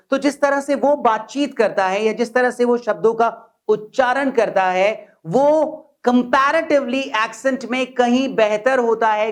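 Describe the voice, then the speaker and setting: A man whose first language is Hindi, teaching English pronunciation in a video lesson explained in Hindi, repeating words slowly and deliberately for practice. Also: extremely high pitch.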